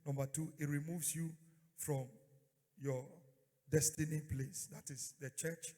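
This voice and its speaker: A man's voice: fairly high pitch, flat delivery, unhurried, warm tone. A man preaching a fiery church sermon, exhorting his congregation, repeating key phrases and prompting them to respond. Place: large echoing church hall. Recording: long hall reverb.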